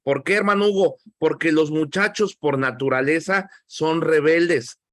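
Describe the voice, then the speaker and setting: Mexican man teaching a lively Bible class. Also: on the high side, measured pace, no echo, studio quality. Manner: conversational, asks the class questions.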